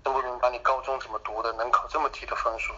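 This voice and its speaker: A man talking over the phone in a brusque, impatient way, like a broker pitching a service. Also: flat delivery, racing, bright, forceful tone. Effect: heard over the phone. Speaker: college admissions broker taking a phone call. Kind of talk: phone conversation, giving a sales pitch. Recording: muffled noisy phone line.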